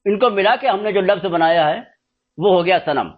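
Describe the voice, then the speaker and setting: Male teacher, high voice, patient step-by-step explainer, muffled lo-fi recording. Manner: slow, explanatory, spells out letters one by one. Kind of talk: spoken lesson on script and pronunciation.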